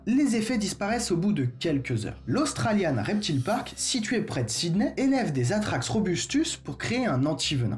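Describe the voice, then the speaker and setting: Male explainer host, casual and wisecracking, very animated delivery, talks to camera. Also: high-pitched. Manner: joking, slangy, talks straight to viewers. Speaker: educational YouTuber.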